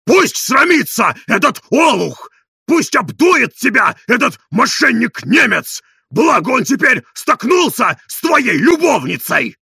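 Male reader doing a coarse bully, raspy gravelly voice, high and swooping, bright tense edge, dry close sound. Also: sing-song, dry recording, heavily acted. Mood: outraged. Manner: shouting, drawn-out outraged exclamations. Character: coarse bullying middle-aged man, loud and indignant. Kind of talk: audiobook character reading.

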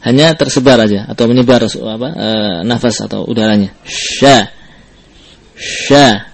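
A man's voice: mid-range voice, a little fast, creaky. A man teaching Quran recitation who explains each sound and drills it over and over, mixing in Arabic terms. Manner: patient, demonstrates letter sounds over and over. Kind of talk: tajwid lesson with drills.

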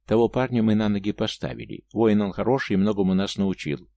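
A man's voice: lowish voice, fairly even intonation, brisk, gravelly, dark tone, no room sound. A man doing a gloomy taciturn warrior. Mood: grave. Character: gloomy taciturn male warrior telling a tale.

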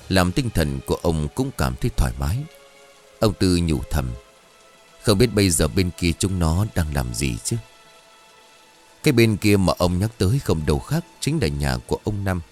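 A man narrating a ghost story in an expressive, dramatic reading style. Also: sits low.

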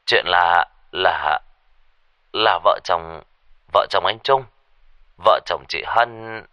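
A young traffic policeman speaks politely and haltingly in a deep, bright voice, as a male storyteller puts him on. The sound is dull and muffled, like a phone call, and dry, with lively swings in pitch. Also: no room sound, exaggerated voice. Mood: hesitant.

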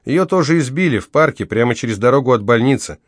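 A matter-of-fact police officer, read by a male narrator, stating the facts bluntly. The voice sits a little above the reader's normal pitch. The sound is close and dry. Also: expressive, fast, no echo, natural voice. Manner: blunt, factual.

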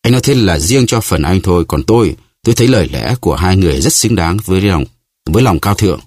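A man's voice: deep voice, lively intonation, fast talker, darkish tone, dry recording, studio quality. A man voicing a refined, mocking musketeer. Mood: ironic. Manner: ornate, ironic politeness.

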